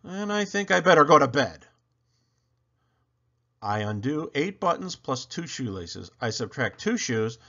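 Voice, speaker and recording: A man reads aloud from a children's picture book in an animated storytelling way, with playful swoops and dramatic, emphatic delivery. His mid-range voice is creaky and a little slow, he leaves long pauses, and the highs in the recording are cut off.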